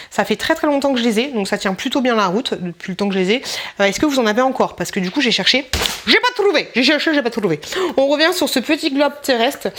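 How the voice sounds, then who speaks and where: A young woman talks through her shopping finds in a casual vlog. Her voice sits a little high, and her delivery is chatty and gushing. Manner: chatty and enthusiastic, gushing over items. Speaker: YouTuber showing shopping finds.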